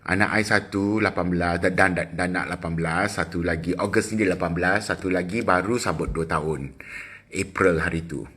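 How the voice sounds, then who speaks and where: A middle-aged man with a Malaysian accent, chatting casually with viewers on a phone livestream, teasing and quick with asides. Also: low voice, steady tone, fairly bright tone, breathy edge. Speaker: livestream host. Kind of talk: casual live chat with viewers.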